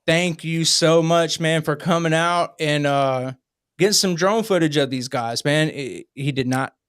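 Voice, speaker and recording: A man's voice: on the high side, a little slow, fairly bright tone, smooth. A man hosting a casual livestream chat with band guests. He talks loosely and jokingly, with slang and frequent laughs. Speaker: podcast host.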